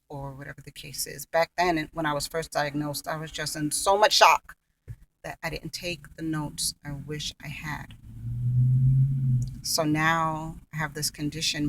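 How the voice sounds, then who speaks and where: A woman's voice: sits low, a bit bright. Woman vlogger chewing gum, distant mic. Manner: chewing gum while talking. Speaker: vlogger sharing her health journey. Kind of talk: casual personal talk to camera.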